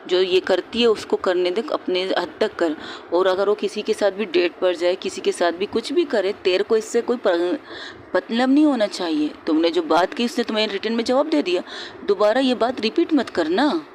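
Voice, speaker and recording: A woman's voice: medium pitch, moderate pace, a little mellow, slight background noise. A woman narrating a love story in a chatty storytelling way, voicing the characters' lines herself. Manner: conversational storytelling in colloquial Hindi, voicing several characters.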